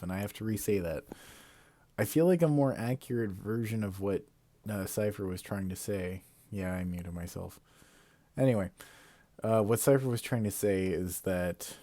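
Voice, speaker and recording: Young guy streaming, rambly and sweary, lowish mellow voice, dry mic. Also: dry recording. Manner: rambling, self-correcting, swears, laughs at himself. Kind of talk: casual live-stream commentary.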